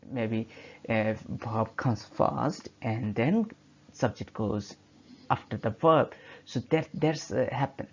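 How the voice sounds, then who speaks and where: A man's voice: mid-range voice, darkish tone. Man, Bengali native speaker, teacher, slideshow lecture, hesitant with fillers, dull lo-fi audio. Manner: hesitant, many fillers and restarts.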